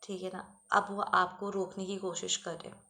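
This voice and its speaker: A woman's voice: fairly low pitch, flat delivery, normal speed, vocal fry, bright, forceful tone. A woman reading messages to her viewers as a clairvoyant, in Hindi mixed with English, often checking in with "theek hai" and reading out letters and numbers one at a time. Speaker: clairvoyant reader. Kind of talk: channeled tarot-style reading to viewers.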